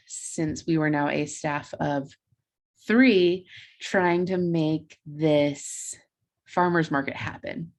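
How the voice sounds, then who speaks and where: Young woman presenting over zoom, low voice, lots of ums and likes. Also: vocal fry. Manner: earnest, explanatory, frequent ums and likes. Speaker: campus food pantry staff presenter. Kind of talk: conference presentation over video call. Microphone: video call.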